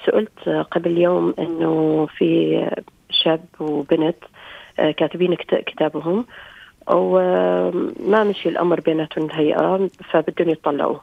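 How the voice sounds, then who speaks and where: Lady calling in over the phone, fast, flat and a bit gravelly, tinny dry line. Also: on the low side, no room sound. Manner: hesitant, many fillers and restarts. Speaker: caller. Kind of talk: call-in question to a religious show.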